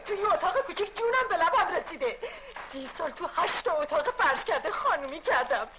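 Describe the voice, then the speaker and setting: A woman's voice: extremely high pitch, very animated, sharp tone, slight background noise, heavily acted, rough recording. An actress playing an older wife and mother who complains about money and about her cramped home. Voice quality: complaining, reproachful. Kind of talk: 1970s film acting.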